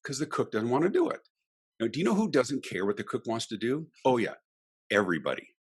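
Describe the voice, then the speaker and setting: Animated, husky-voiced middle-aged man. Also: medium pitch, fast talker. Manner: emphatic and ranting, with vivid examples. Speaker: podcast guest, customer experience speaker. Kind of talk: animated interview talk.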